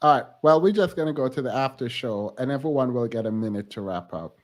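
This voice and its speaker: A man's voice: mid-range voice, expressive, fast. A man hosting a casual panel discussion on a video call, laid-back and joking, rambling a little as he talks. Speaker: host.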